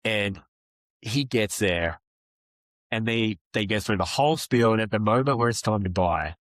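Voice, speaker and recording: A man's voice: fairly low pitch, normal speed, dry recording. A man, a guest on a podcast, telling a story in casual chat and acting out the people in it. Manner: animated storyteller who acts out dialogue.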